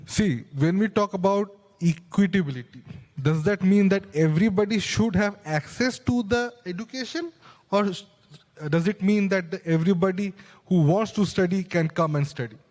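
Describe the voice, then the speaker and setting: On a panel in a large conference stage hall, a young man makes his points earnestly, with quick restarts and asides. His voice is a little high and darkish, and his handheld mic catches a long reverb from the hall.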